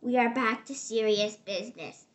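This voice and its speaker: The female voice is a little high and slow. It belongs to a young girl who chats and giggles while casually reviewing candy at her home table, occasionally switching into English phrases.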